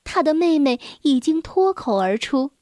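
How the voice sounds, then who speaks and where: A woman reading a children's storybook aloud in a gentle, unhurried storytelling manner. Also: high voice, very animated, no room sound, studio quality.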